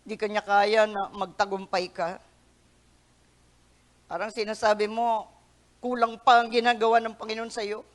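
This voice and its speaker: A woman pastor giving a Sunday sermon, mixing Tagalog with English, swinging from loud emphatic peaks to soft near-whispers and stretching words out for emphasis. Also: mid-range voice, level tone, normal speed, pauses often. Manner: mixes Tagalog with English phrases.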